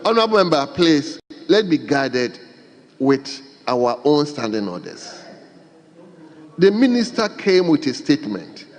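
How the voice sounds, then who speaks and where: A man's voice: fairly high pitch, big pitch swings, measured pace. A man with a Ghanaian accent chairing a parliamentary debate, repeatedly calling the members to order. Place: large parliament chamber. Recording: echoing chamber with long reverb.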